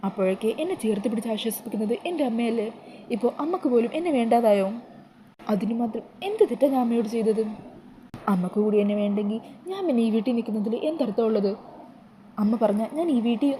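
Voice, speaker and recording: A woman's voice: a little high, expressive, fast talker, dark tone, a little hiss or hum, close to an everyday voice. A woman voicing a young woman who pleads with her mother in tears, in a retold TV serial. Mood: tearful pleading. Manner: pleading, distraught.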